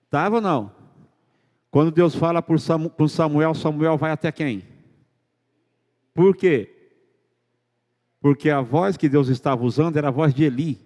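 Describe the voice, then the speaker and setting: A man's voice: fairly high pitch, dark tone. A male pastor preaching a sermon in a church, firing rhetorical questions at the congregation. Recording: church sermon with long hall reverb.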